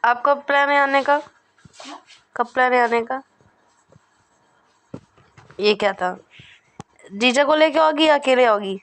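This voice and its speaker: A woman's voice: high voice, slow pace, pauses often, fairly bright tone. A young woman chatting and teasing playfully at home, filmed on a phone camera. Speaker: vlogger. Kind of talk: casual chat on camera. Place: at home, indoors.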